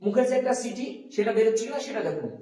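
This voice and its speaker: A man with a high voice teaches Arabic pronunciation. He draws out each letter and repeats it so learners can copy. He sounds far from the mic in a roomy, echoing space. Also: lively intonation, very fast, warm tone. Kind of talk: pronunciation lesson.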